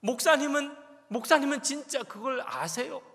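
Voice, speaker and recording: Brief: loud, high, pleading churchgoer voiced by a male pastor, ringing church hall reverb. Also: moderate pace, vocal fry, full character voice. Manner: urgent, loud, pleading questions. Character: pleading churchgoer crying out inwardly, adult.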